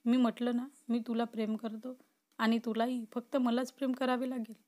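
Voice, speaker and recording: A woman's voice: fairly high pitch, little pitch movement, normal speed, dark tone, close to an everyday voice. A woman voicing an obsessive, possessive young man who swings between pleading and threatening in a storybook reading. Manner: pleading then threatening, intense.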